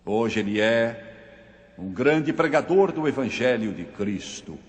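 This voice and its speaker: A man preaching a dramatic sermon, telling a story in a slow, solemn, emphatic way. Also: medium pitch, very animated, big-room sound.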